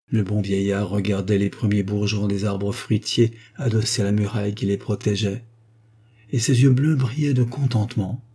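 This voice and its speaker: A man narrating a classic story at a calm, measured pace. His voice sits low and dark, with a husky grain to it. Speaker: audiobook reader. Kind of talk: scripted narration.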